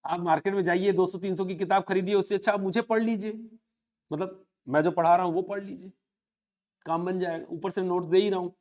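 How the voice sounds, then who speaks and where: Male coaching teacher, 30s, higher-pitched voice, chatty and motivating, calls on students by name. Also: fairly even intonation, a little fast, a little mellow. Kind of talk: live online class lecture.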